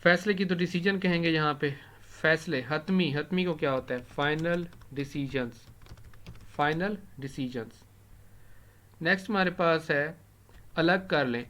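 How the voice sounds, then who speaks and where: A man's voice: on the high side, bright, forceful tone. Man teaching with keyboard clicks. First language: Urdu. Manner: repeats key words slowly while typing them. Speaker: English vocabulary teacher. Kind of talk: recorded lesson, typing while explaining.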